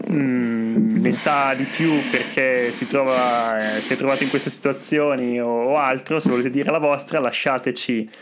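A man's voice: medium pitch, fairly bright tone, a little hiss or hum. Hesitant Italian man co-hosting a casual podcast. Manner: hesitant, searching for words. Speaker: podcast co-host.

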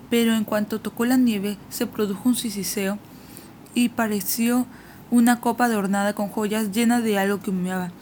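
A woman narrating a children's fantasy audiobook in a steady, measured reading voice. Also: mid-range voice, a little hiss or hum. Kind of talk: scripted storybook narration.

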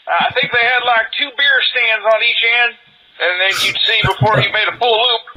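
A man's voice: extremely high pitch, steady tone, moderate pace, bright, forceful tone, low-quality recording. A man leaving a rambling, jokey voicemail for a show, heard over a landline phone with many uh fillers. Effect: heard over a landline phone as a played voicemail. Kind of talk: casual joking voicemail message.

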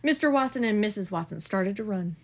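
A mother reading a storybook aloud at bedtime, animated and expressive. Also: mid-range voice, a little fast, a little hiss or hum.

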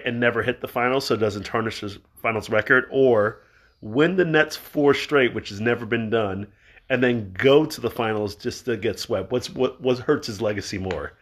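A man's voice: medium pitch, fairly bright tone. A man in his thirties co-hosting a casual podcast chat, cracking dry sarcastic jokes. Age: 30s. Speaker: podcast co-host.

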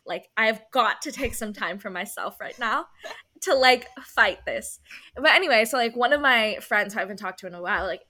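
A woman's voice: a little high, expressive, normal speed, sharp tone. A woman in her late twenties, co-hosting a podcast and telling a story in casual chat with lots of "like". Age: 20s. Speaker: podcast co-host.

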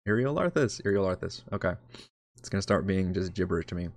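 A man with a deep, low voice talks casually as a game master, wandering from thought to thought and teasing himself. The sound is dry and close, with no room around him. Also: level tone, fast, no echo. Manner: rambling and self-deprecating, swears casually. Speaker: dungeon master. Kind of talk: casual livestream chat while prepping a game.

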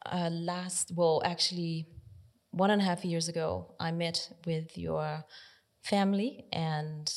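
A woman in her forties from Denmark speaks as a guest on a podcast. Her voice sits a little low, and she talks thoughtfully, often stopping to gather her words with fillers before going on. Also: fairly even intonation, darkish tone. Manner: thoughtful, hesitant with many pauses and fillers. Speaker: podcast guest, nonprofit library director. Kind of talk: reflective interview conversation.

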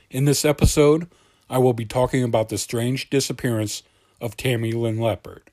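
A man's voice: mid-range voice, a little mellow, dry recording. A man hosting a true crime podcast, reading scripted narration in the suspenseful manner of a crime show narrator, close on the mic. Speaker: podcast host.

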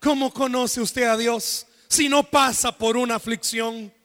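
A man's voice: very high voice, steady tone, a little slow, in a large hall. A married man preaching a sermon at a church service, speaking with impassioned intensity and calling out to the congregation. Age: adult, married. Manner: impassioned preaching with shouted appeals. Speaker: pastor.

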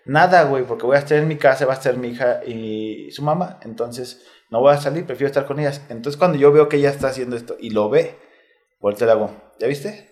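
Quick-paced with a mid-range, slightly mellow voice, a man with a Mexico City Spanish accent recounts a personal story. He's a retired footballer guesting on a casual interview, speaking candidly and in slang, step by step.

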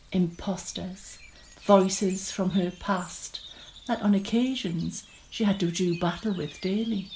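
A woman's voice: medium pitch, warm tone, a little hiss or hum. Woman narrating a story. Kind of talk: scripted storytelling.

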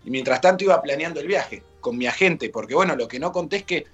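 An Argentine man, a guest author, telling stories in a lively, blunt, joking way. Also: a little high, quick pace, husky, muffled recording, faint music behind. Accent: Argentine Spanish. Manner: lively storyteller, blunt jokes. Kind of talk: casual interview chat.

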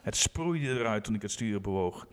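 A man from Groningen telling a story in casual podcast talk, bringing each character to life as he speaks. He has a mid-range voice, and it carries a long reverb tail from the room. He comes across as an eager, lively storyteller. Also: mid-range voice, moderate pace. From Groningen, Netherlands. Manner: animated anecdote teller, acts out quotes. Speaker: podcast co-host, physiotherapist.

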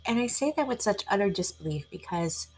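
A woman hosts a relaxed, friendly podcast in a casual chatting style. She talks with animation and a conversational bounce. Now and then she drops into a hushed whisper for an aside. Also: medium pitch, brisk, poor audio. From New York. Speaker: podcast host. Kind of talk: casual chat.

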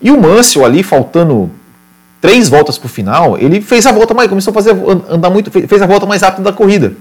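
A Brazilian man with a slightly high voice talks like an informal motorsport commentator. He recounts racing in an animated, spontaneous way, circling back on words and checking in with short tag questions. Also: fast. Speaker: motorsport podcast or stream host. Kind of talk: casual motorsport commentary, retelling a past race.

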